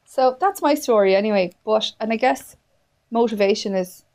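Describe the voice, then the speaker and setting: A woman in her thirties from Ireland, speaking with an Irish accent, hosts a candid, casual conversation and swears freely. Her voice sits on the high side, a little mellow, at a moderate pace.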